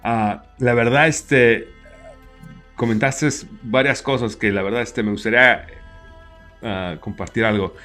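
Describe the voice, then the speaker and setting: A man's voice: mid-range voice, steady tone, a little slow, sharp tone, soft background music. Hesitant male interview host. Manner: hesitant, stammering asides. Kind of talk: casual interview chat.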